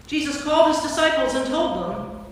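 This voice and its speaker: Inside a large church, a woman gives scripted narration for a staged scripture reading. Her high voice is expressive and moves at normal speed, and the recording is distant and very echoey.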